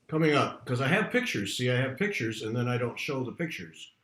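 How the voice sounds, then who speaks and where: A man hosting a casual livestream chat, talking in a rambling, chatty way from a room at home that is not soundproofed, so his voice comes back with a clear room echo. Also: medium pitch, sing-song, brisk, a bit bright. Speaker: host. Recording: echoey unsoundproofed room.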